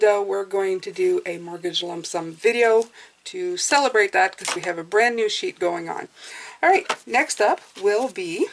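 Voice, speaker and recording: Female budgeting vlogger, casual walk-through delivery, whistly s sounds, noticeable vocal fry, slight noise behind. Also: mid-range voice, low-quality recording. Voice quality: whistling s from clear aligners.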